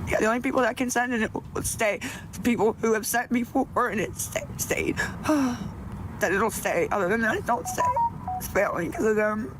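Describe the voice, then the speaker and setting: A woman livestreamer in an upset rant, pleading one moment and cursing the next in a fairly high voice. Her talk is rough and profane, full of complaints and threats aimed at her viewers. A faint noise sits under the recording. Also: moderate pace. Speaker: livestreamer asking viewers for money.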